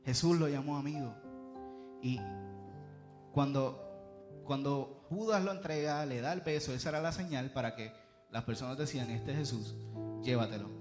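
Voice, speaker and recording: A man preaching a sermon at a church service, swinging between loud emphasis and soft asides. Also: on the high side, normal speed, pauses often, over music. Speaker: youth preacher.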